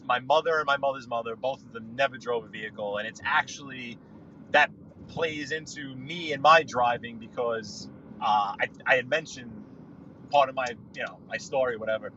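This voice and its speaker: A New York man, a guest on a livestreamed podcast, chats casually while driving and tells stories in a rambling way, restarting often. His voice is medium-pitched with a sharp tone, and he speaks at a moderate pace. The audio sounds dull, with a little hiss or hum.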